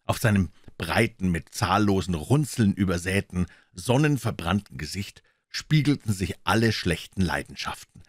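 A man reading aloud a classic detective story in a measured storytelling voice. His pitch sits low. The sound is dry and close. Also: animated, no echo. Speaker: audiobook reader. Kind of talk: scripted narration of a classic story.

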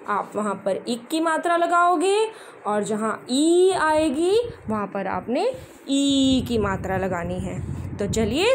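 Slow, sing-song woman teacher. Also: fairly high pitch, slight background noise, low-quality recording. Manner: very slow, syllable by syllable, mixing in English words. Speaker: primary school teacher. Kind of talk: slow classroom lesson.

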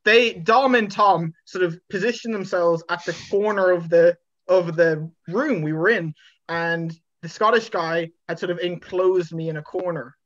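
Young man, fairly high voice, wry and easy, muffled video-call audio. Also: unhurried, a bit bright. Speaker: podcast co-host. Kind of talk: casual chat. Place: room at home.

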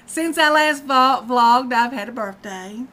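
Recorded on a webcam up close in a dim room at home, a woman vlogger in her 50s rambles in casual chat and laughs often. She speaks at a measured pace with a sharp tone, her pitch on the high side.

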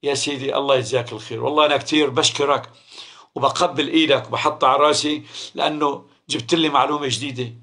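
A man's voice: medium pitch, fairly even intonation, quick pace, bright, forceful tone. A man with a Syrian Arabic accent preaching a Ramadan sermon on the Quran, firing rhetorical questions and acting out short dialogues.

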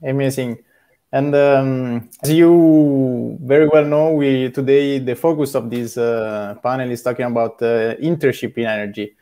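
A man in his thirties moderates a panel over a video call, speaking in a friendly way and often filling pauses with "uh". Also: mid-range voice, fairly even intonation, warm tone. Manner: friendly, many filler uhs. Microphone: video call webcam.

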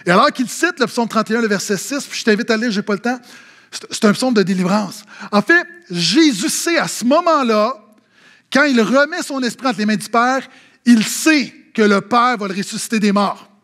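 A man's voice: very high-pitched, normal speed. A man with a Québécois French accent, preaching a sermon as pastor and telling funny anecdotes, acting out the people he quotes. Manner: animated storytelling, acting out quoted voices.

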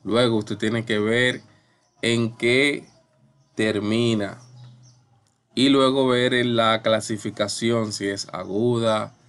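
A man's voice: on the low side, fairly even intonation, slow pace, fairly bright tone. A male teacher explaining a spelling lesson patiently, asking questions and repeating the main points. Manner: patient, repeats key points, asks questions and answers them. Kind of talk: slow classroom explanation.

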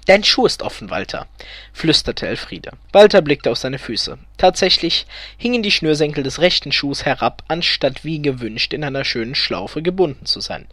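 A man reading aloud a short story he wrote, with expressive storytelling. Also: fairly high pitch, normal speed, hardly any pauses, no echo. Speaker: storyteller, author.

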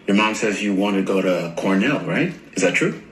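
An older actor playing a gentle male therapist who speaks in a measured, softly probing way in a scripted drama clip. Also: echoey room, background noise, natural voice. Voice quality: deep, slow and calm.

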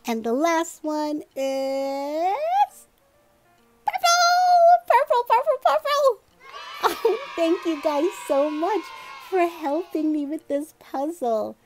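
A woman hosting a children's learning video, her voice high and bouncing all over the place. She speaks very slowly and drags out every word, gushing in a sing-song way for little ones. Faint kids' music plays behind her. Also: lively intonation. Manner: slow, exaggerated, sing-song and gushing, like talking to toddlers. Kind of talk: toddler learning lesson with a puppet.

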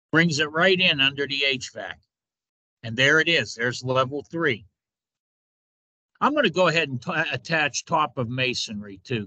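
A man in his fifties teaches a software tutorial step by step, often telling the viewer to watch. His voice sits slightly high with a crisp, bright edge. The sound is dry and close, recorded at a desk in a small room. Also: dry recording. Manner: informal step-by-step instruction, repeated "watch". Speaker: instructor.

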